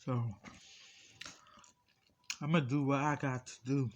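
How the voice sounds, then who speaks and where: A man telling a personal story in a casual mukbang style, talking with his mouth full in short, halting phrases, aggrieved and repeating himself insistently. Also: medium pitch, level tone, a little hiss or hum. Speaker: vlogger.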